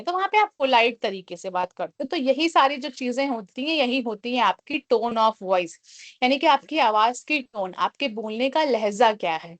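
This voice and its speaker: A woman with a fairly high voice teaches a communication class. She explains in Hindi, slows down to read English definitions and keeps asking the class rhetorical questions. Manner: explains in Hindi, reads English lines slowly. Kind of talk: online class lecture.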